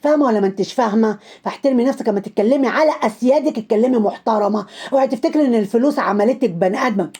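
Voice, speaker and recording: A woman's voice: fairly high pitch, rapid-fire, warm tone, slightly rough. A woman with an Egyptian accent hosting a commentary channel, scolding and mocking other creators while calling her viewers dears. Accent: Egyptian Arabic.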